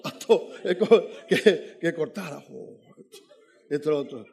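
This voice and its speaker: Man, guest preacher, animated storytelling, fairly high voice, church sermon. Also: measured pace, vocal fry, slightly rough. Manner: animated storyteller, calls out "amen" to the congregation. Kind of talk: sermon with personal testimony.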